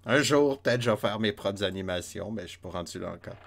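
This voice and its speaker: A Québécois French-accented man with a lowish, creaky, fairly bright voice talks quickly while livestreaming a retro game, counting steps under his breath and chatting with viewers. There's slight background noise.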